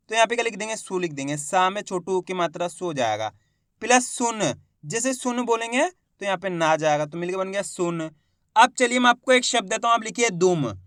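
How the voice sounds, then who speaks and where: A man teaching Hindi reading, sounding out words syllable by syllable and quizzing his students in a slow, repetitive classroom manner. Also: high-pitched, a bit bright, no room sound, clean studio sound.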